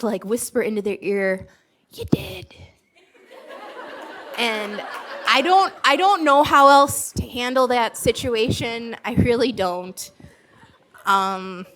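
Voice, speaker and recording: A woman in her thirties, a surgeon, giving a candid conference talk about her work, sarcastic and often laughing. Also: medium pitch. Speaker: surgeon and symposium speaker.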